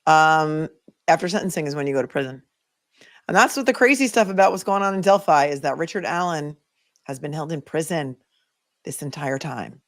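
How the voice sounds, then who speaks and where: On her legal livestream, a woman with a Boston accent replies to viewer comments with a deep, animated voice and a brisk pace. Her manner is conversational and opinionated, and she thinks aloud throughout.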